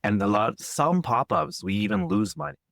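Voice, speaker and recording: A young man co-hosts a podcast in casual, matter-of-fact chat, slipping in teasing remarks. His pitch moves freely over a gravelly texture, and his voice sounds close and dry. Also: sing-song, moderate pace, fairly bright tone, dry recording. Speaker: podcast co-host.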